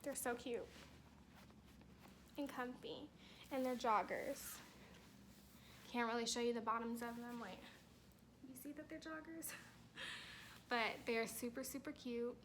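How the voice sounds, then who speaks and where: A woman's voice: fairly high pitch, unhurried, pauses often, a bit bright, a little hiss or hum, rough recording. A young woman vlogger chatting casually to camera, rambling with many fillers.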